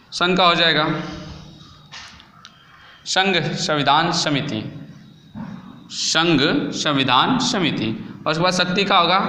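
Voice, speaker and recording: A man teaching an exam-prep lesson through a memory trick, repeating key phrases slowly so students can say them along. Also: fairly high pitch, sharp tone. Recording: echoey room with long reverb.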